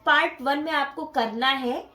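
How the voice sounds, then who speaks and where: A woman's voice: sits high, measured pace, sharp tone. A woman teaching the dholak step by step, patiently counting the beats aloud as she plays. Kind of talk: step-by-step music lesson. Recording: echoey room with dholak playing.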